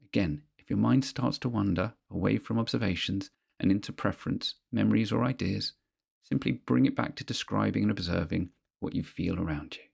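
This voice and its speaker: A man reading a scripted guided grounding exercise in a measured, instructional manner, pausing between phrases. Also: lowish voice, creaky, a little mellow, slightly rough.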